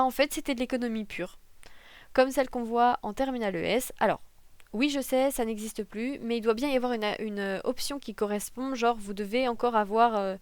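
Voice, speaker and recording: Young woman, casual vlog chat, lots of ums and self-corrections, joking asides; smooth clear voice, dry close desk mic. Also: on the high side, dry recording. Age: young adult. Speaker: political science student. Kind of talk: casual talking-head vlog. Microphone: desk microphone.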